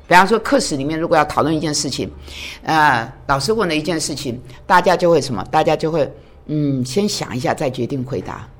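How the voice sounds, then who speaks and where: A woman's voice: deep voice, animated, a little fast. A woman preaching a sermon in an earnest way, often putting questions to her listeners. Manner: earnest, asks the listeners many rhetorical questions.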